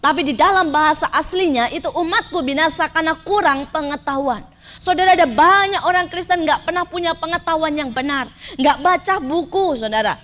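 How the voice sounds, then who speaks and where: A woman's voice: high voice, fairly bright tone. A middle-aged woman preacher telling a story in a sermon, often turning to her listeners directly. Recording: faint background noise.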